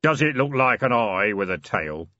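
A man voicing a hooded, broad male stranger who speaks in a deep, slow, solemn way. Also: sing-song, sharp tone, no echo, lo-fi sound. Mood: grave.

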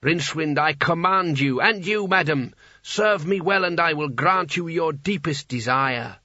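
An imperious ancient wizard's hat, pitched well above a normal male voice, proclaiming with grandiose, sarcastic authority in an audiobook, as a man puts it on. The recording is dry and a little dull. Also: measured pace, bright, forceful tone, dry recording. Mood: sarcastic, commanding.

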